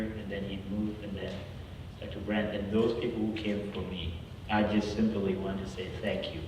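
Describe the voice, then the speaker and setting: A man's voice: lowish voice, a little hiss or hum. Earnest man heard from far off in an echoey hall. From South Sudan. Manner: earnest, halting, with restarts and exclamations of "wow". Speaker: guest speaker. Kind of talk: campus talk with prayer and personal story. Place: large hall.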